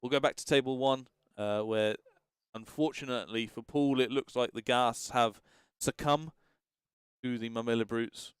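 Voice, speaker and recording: A man's voice: mid-range voice, steady tone, moderate pace, clean tone, no room sound. A man hosting casual live commentary on a tabletop tournament, informal and hesitant as he thinks aloud. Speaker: livestream host and commentator.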